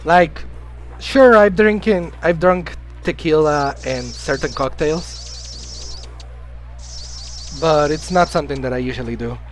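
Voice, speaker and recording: Live-streaming a video game, a man rambles casually, greeting his viewers and answering chat, with the occasional cough since he's been sick. His voice sits fairly high and moves slowly with frequent pauses, over soft background music in a rough recording. Spanish is his first language.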